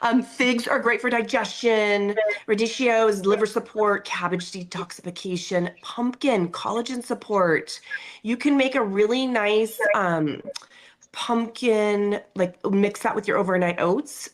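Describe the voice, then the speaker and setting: Effusive woman co-host, medium pitch. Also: a little slow. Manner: effusive, enthusiastic. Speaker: show co-host. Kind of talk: casual chat with wellness tips.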